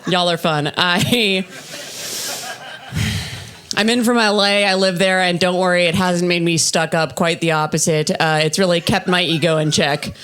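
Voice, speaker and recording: A woman in her thirties performing live stand-up, her voice low for a woman. She delivers her set deadpan and self-deprecating, in a steady, unhurried tone. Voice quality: low, husky-toned voice for a woman. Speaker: stand-up comedian. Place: comedy festival stage.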